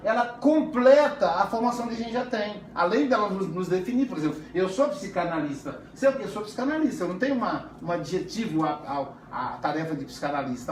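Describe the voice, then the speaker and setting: A man teaching a psychoanalysis class in a classroom, conversational and stretching words for emphasis. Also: high-pitched. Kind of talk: classroom lecture. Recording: roomy, distant, faint noise.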